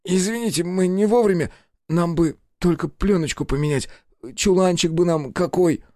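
A man's voice: a little high, animated, fairly quick, dark tone, no echo, studio quality, voice pushed up, natural voice. A man voicing a timid, flustered assistant director who babbles and pleads anxiously.

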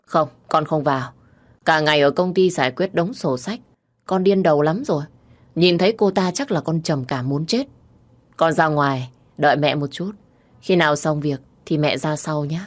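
A woman's voice: low-pitched, normal speed. A woman voicing an irritated, dismissive young husband in a narrated story.

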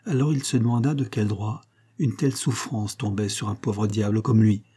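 Man reading a novel out loud, mellow dark tone, a bit husky. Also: fairly low pitch, steady tone, normal speed. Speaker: audiobook narrator. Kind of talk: scripted narration.

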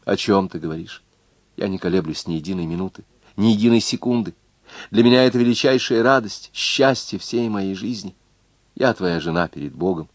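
A devoted young noblewoman in love, speaking with fervent tenderness, as a deep-voiced male reader puts her on. The sound is close and dry, with no room around it. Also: no echo, close to an everyday voice. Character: young noble woman, devoted, passionate lover. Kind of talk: audiobook reading of a novel.

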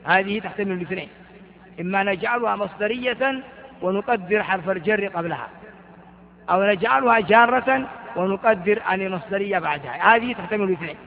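A man's voice: high-pitched, fairly quick, creaky. Older man, grammar lecture, repeats and asks questions, thin phone-like audio, long hall reverb. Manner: reads a text, then explains it with repetitions and questions to students. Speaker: teacher of Arabic grammar.

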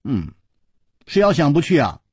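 A man's voice: a little high, wildly swooping pitch, moderate pace, darkish tone, husky, dry recording, studio quality, full character voice. A male storyteller voicing a coquettish, impulsive young princess in a wuxia story. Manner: sweet, wheedling, then trembling.

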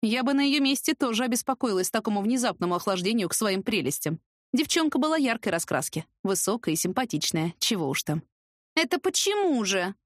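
A woman narrating an audiobook in the first person, lively and sarcastic, with an expressive delivery. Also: mid-range voice, quick pace, no room sound, studio quality.

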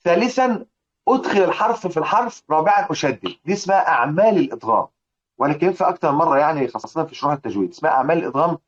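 Egyptian teacher with a fast, questioning delivery. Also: male voice, fairly high pitch, lively intonation, muffled recording. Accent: Egyptian Arabic. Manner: questioning, drills students with repeated rhetorical questions. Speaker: Quran recitation teacher. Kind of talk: religious lesson explaining a poem.

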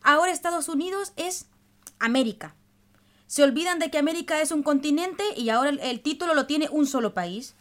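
A high-pitched woman from El Salvador, with lively intonation and a slightly fast pace, hosts a radio programme. Her delivery is scripted and educational, set in a dialogue format.

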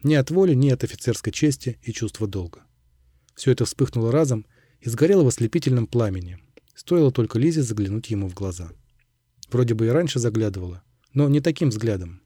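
A man narrating an audiobook in a calm, measured storytelling manner. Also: mid-range voice, breathy edge, no room sound, clean studio sound.

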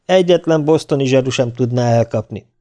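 A man voicing a blunt, scornful male police officer who shouts in fury. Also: medium pitch, natural voice.

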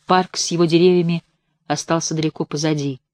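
A woman narrates a mystical story for an audiobook, measured and even. Her reading is steady and literary. The recording is dry and close. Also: deep voice, no room sound. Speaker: audiobook reader.

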